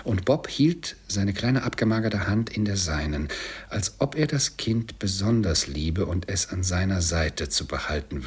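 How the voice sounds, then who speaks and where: Man narrating an audiobook, low voice, very smooth and resonant, measured and expressive. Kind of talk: scripted narration.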